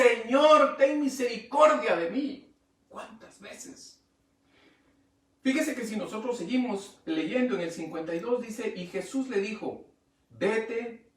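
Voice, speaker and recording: A man pastor preaching a sermon, swinging from quiet asides to loud emphatic rises. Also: sits high, reverberant, far from the mic. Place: church.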